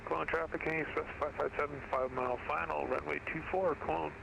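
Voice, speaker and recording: A man's voice: on the high side, steady tone, brisk, vocal fry. A man speaking as a pilot over radio transmission through a cockpit headset, in clipped, formal radio phraseology. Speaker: pilot on air traffic radio. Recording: noisy, crackly radio channel.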